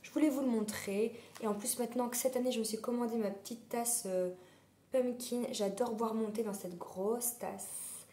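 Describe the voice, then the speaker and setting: A hoarse woman with a sore throat chats away in a fairly high, mellow voice, wandering between thoughts with plenty of fillers. Her voice rings in a roomy, echoey space. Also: steady tone, normal speed. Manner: chatty, rambling, many fillers. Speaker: vlogger. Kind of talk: casual chat. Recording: roomy echo.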